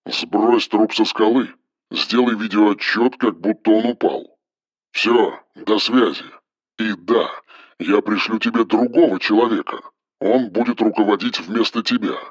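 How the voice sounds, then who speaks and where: Властный холодный босс говорит по телефону, как его играет чтец аудиокниги: низкий, глуховатый голос с тусклым звуком. Каждая фраза звучит как приказ. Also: male voice, fairly low pitch, unhurried, no echo, dull audio, voice pushed down. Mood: cold. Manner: harsh, clipped, commanding. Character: stern cold male boss on the phone. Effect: phone voice.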